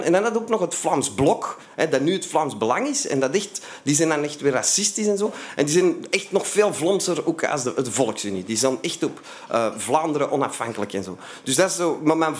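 Animated Flemish man telling a story. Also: fairly high pitch. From Flanders, Belgium. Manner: animated, lively telling with many fillers and restarts. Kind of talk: personal storytelling monologue.

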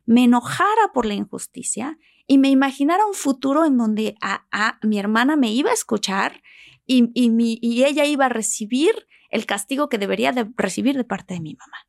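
A woman's voice: fairly high pitch, creaky, no room sound, studio quality. A woman telling a personal story in casual conversation, acting out the voices in it. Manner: animated, acts out voices in her anecdote.

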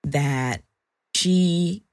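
A woman talking casually on a panel as a parent, halting as she thinks aloud and acting out quotes. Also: on the low side, darkish tone.

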